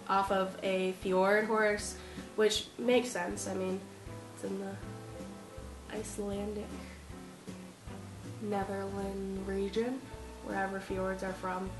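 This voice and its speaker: A woman with a stuffy nose from a cold, chatting casually and rambling in a vlog about horses. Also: medium pitch. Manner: chatty, rambling with frequent ums and likes. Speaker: horse vlogger. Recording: echoey room with music behind. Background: music playing.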